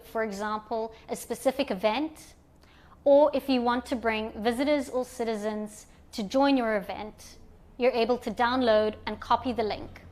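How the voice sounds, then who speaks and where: Walking new users through an online platform, a woman from Zimbabwe calmly explains each screen in sequence. Her voice is slightly high and her manner steady and step-by-step.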